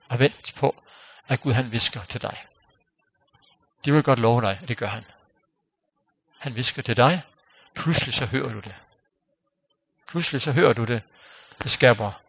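A man delivers a sermon in a gravelly, mid-range voice. He speaks earnestly and leaves long pauses. His voice falls almost to a whisper when he stresses a point. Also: mid-range voice. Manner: earnest, pausing, drops to quiet near-whisper for emphasis. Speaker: preacher. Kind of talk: sermon with closing prayer.

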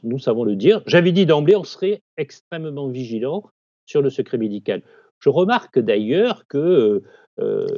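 A man's voice: medium pitch, mellow, no room sound, lo-fi sound. A man who leads a doctors' union, giving firm, persuasive interview answers.

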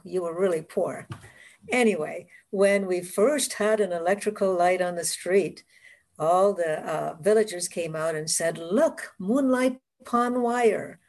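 Woman guest with a West Indian accent, slightly low voice, laughing storyteller on a video call. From Caribbean. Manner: warm storytelling, laughs often. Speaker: author guest. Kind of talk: casual interview conversation.

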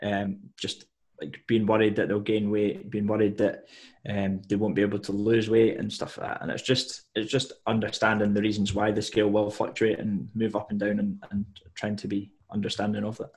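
A man with a lowish voice talks as a guest on a podcast. He explains his coaching approach in a measured, steady way, with plenty of "like" and "um" along the way. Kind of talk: casual podcast interview.

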